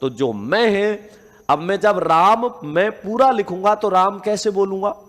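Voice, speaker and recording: A man's voice: sits high, unhurried, fairly bright tone, big-room sound. A man teaching a grammar lesson. He asks the class questions, answers them himself, and stretches out sounds to demonstrate them.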